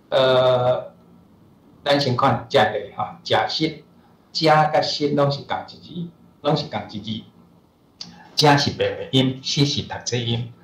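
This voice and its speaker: A man speaking with a Taiwanese accent, lecturing as a professor on the Taiwanese language, explaining patiently and often clearing his throat. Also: medium pitch. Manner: explanatory, frequent throat clearing and filler particles. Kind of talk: online lecture. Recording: roomy echo.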